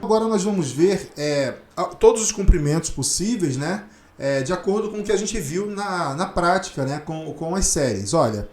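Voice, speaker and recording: A man with a Brazilian Portuguese accent gives an English lesson, patiently repeating examples slowly and often asking a quick tag question. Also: high voice, darkish tone, roomy sound. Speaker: English teacher. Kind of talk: explanatory online lesson.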